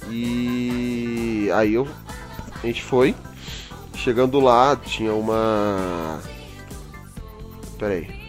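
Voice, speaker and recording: A young man casually telling a story to friends over voice chat, acting out his own panic. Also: mid-range voice. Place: home, online voice chat.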